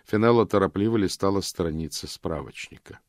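A man with a low voice reads an audiobook in a measured, even way. The sound is dry and close, with no room around it. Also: no echo. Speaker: audiobook narrator. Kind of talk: scripted narration.

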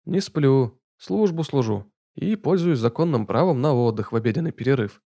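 A relaxed young inspector, voiced by the narrator who speaks in an unhurried drawl and answers with dry jokes. The voice stays close to the reader's own, lively in pitch. It is storybook reading. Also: male voice, lightly acted. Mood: wry. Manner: drawling, wry. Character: laid-back young male inspector, dry humor.

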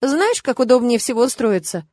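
A woman's voice: a little high, big pitch swings, normal speed, darkish tone, dry recording, studio quality, voice pushed up. Woman reading a teasing young emperor. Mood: assured, teasing. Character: confident teasing male emperor, young adult.

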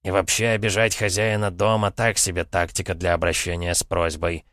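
A man's voice: sits low, flat delivery, brisk, a bit bright, no room sound, studio quality. A man voicing an arrogant male falcon god who speaks down to others, in an audiobook. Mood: haughty. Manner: haughty, condescending.

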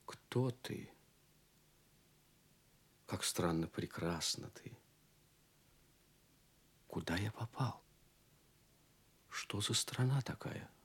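A man's voice: sits low, extremely slow, pauses often, slightly rough, exaggerated voice. An actor playing a noble, chivalrous young king full of earnest wonder, in a theatrical Soviet audio play style. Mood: awed wonder. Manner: theatrical, hushed wonder, exclamatory questions.

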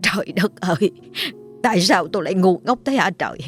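A woman's voice: animated, moderate pace, soft background music, lightly acted. A woman playing a spiteful scolding first wife. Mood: wailing. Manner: shrill, scolding, theatrical wailing. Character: scheming, mocking older first wife.

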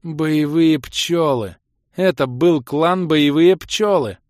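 A man reading an audiobook, voicing an indignant young woman player who shouts in outrage. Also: mid-range voice, moderate pace, no echo, clean studio sound, pitched above the performer's own voice, lightly acted. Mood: furious.

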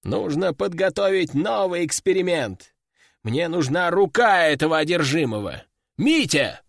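A man's voice: fairly high pitch, sing-song, unhurried, creaky, no room sound, studio quality, full character voice. A man voicing a pompous, bossy elderly male master sorcerer who barks out orders. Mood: commanding. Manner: commanding, barking orders.

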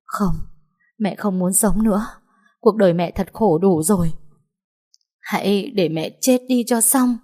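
A woman voicing a distraught, hot-tempered middle-aged mother who wails and shouts back, in a storybook reading. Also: mid-range voice, a little slow, pauses often, voice pushed up, close to an everyday voice. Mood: wailing. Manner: wailing and defiant.

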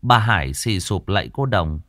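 A man narrating a ghost story in a slow, somber, dramatic reading. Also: deep voice, lively intonation, a bit bright, no echo.

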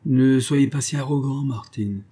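A man voicing an eager, warm-hearted young English gentleman who speaks up earnestly for a friend. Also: medium pitch, unhurried, close to an everyday voice. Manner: earnest, indignant in defence of a friend. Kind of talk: audiobook character voice.

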